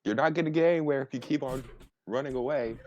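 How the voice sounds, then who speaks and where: A man's voice: medium pitch, fast, a little mellow, lo-fi sound. A man playing a tabletop game, chatting casually and describing what his character does. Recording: faint background noise.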